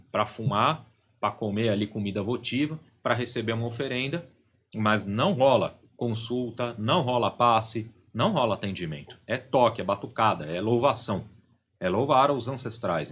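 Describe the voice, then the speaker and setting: A middle-aged man, a religious leader appearing as a podcast guest, explains things at length in a casual studio chat. He constantly tags his phrases with "né?" and "entende?", checking in with "right?" and "you know?". His voice is fairly low, fairly bright and has a breathy edge.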